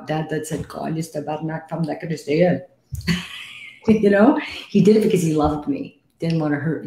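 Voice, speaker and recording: A woman in her fifties, a medium, hosts a casual live stream, speaking bluntly, swearing, and calling her guest sweetie. Her voice is deep and dark, with a roomy echo in the recording.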